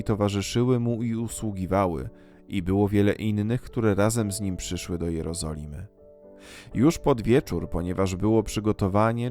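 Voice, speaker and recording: A man with a low voice reads scripture slowly and reverently, like a liturgical reading. Soft guitar music plays quietly behind him. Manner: measured, unhurried, reverent delivery. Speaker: scripture reader. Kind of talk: solemn liturgical Gospel reading.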